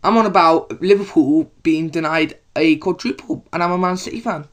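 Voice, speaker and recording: A man's voice: on the high side, normal speed. A man co-hosting a casual football podcast. He rambles, with many fillers and restarts. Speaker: podcast co-host.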